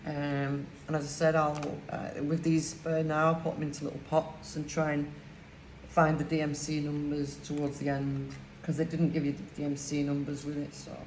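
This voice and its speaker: An older woman from Lancashire, England, rambles casually at home while crafting for her vlog, using many fillers. Her voice is low, level, and darkish at a normal speed, with a broad Lancashire accent, and the indoor recording picks up echo and faint hiss.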